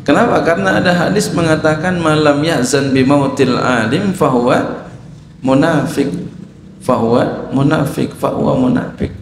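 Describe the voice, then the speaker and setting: A man's voice: fairly high pitch, slight background noise. A man giving a sermon, explaining Arabic text phrase by phrase and asking his listeners questions. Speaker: Islamic teacher. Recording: echoey hall.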